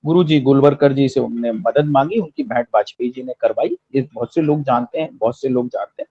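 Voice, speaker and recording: A man's voice: medium pitch, fairly quick, slightly rough, no echo. A man giving impassioned political commentary, rhetorical and emphatic, repeating phrases for effect, on a dry, slightly dull recording.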